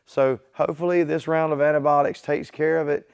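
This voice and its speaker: Weakened by illness, this man's voice is still fairly high, clear and resonant, with a darkish tone, a level delivery and a brisk pace. He's talking casually to viewers of his own garage channel, keeping it plain and easygoing from his home workshop.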